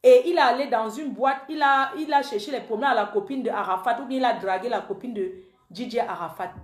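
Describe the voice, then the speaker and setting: In a reverberant space, a woman with a fairly high pitch speaks a little fast. Known to herself as the panther, the online commentator delivers an emotional live-stream rant full of repeated accusations aimed directly at a man who isn't present.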